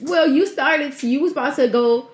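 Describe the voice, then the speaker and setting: Animated woman in an echoey room. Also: high voice, moderate pace. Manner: animated storyteller, laughs often, slangy. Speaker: podcast co-host. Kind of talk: casual chat.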